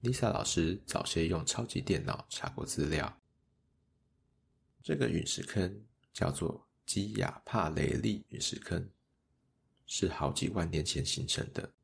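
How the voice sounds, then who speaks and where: A man narrating a children's story in a gentle, measured way. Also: deep voice, lively intonation, vocal fry, husky.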